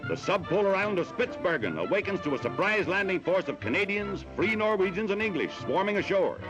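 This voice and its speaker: An American man narrates a 1940s newsreel with dramatic, declamatory flair, his high voice swinging widely in pitch at a fairly quick pace. The old mono film soundtrack has its highs cut off, with loud orchestral music behind him.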